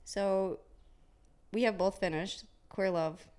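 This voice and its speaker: A woman of thirty co-hosting a podcast, chatting casually and often pausing to search for words. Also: medium pitch, steady tone, darkish tone. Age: 30s. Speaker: podcast co-host. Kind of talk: casual chat.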